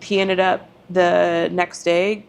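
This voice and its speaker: A woman with a fairly low, creaky yet clear and resonant voice speaks slowly and flatly as a podcast guest. She shares her story openly and emotionally, playing out past dialogues and sometimes cursing.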